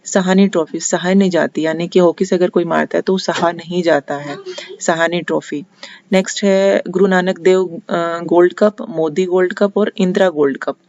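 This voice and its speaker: A teacher with a Haryanvi accent patiently explains memory tricks in a general knowledge lesson. They go step by step, restate each point, and pause often. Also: mid-range voice, fairly even intonation, darkish tone. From Haryana, India. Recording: dull, lo-fi, dry recording.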